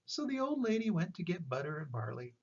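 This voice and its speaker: An older man with a grandpa voice gives an expressive, animated read-aloud of a children's picture book on a slightly dull recording. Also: sits high, fairly quick, husky. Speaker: storyteller reading a picture book.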